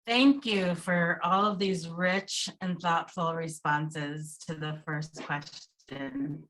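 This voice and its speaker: A woman's voice: on the low side, fairly even intonation, takes it slowly, a bit bright, poor audio. A woman moderating an online panel over a video call, her audio choppy and glitchy as it keeps cutting out. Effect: choppy, glitchy video-call audio that cuts out.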